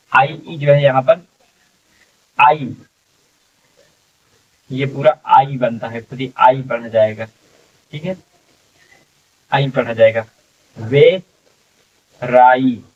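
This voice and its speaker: A man's voice: medium pitch, husky, far from the mic, lo-fi sound. Man patiently sounding out English words. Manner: slow, drawn-out sounding out of words, repeating each one; frequent checking fillers. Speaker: English reading teacher. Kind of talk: phonics lesson for beginners.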